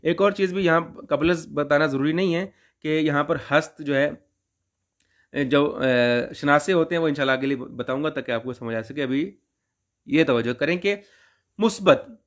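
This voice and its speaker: A man's voice: fairly high pitch, moderate pace. A man from Pakistan teaching a Persian language lesson, explaining patiently and repeating and stretching out words for his students.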